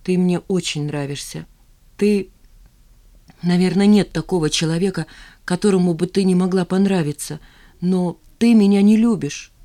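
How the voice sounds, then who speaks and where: A woman reader voicing a calm, reserved young man who speaks softly and with restraint. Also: lowish voice, moderate pace, natural voice. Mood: polite. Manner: soft, restrained.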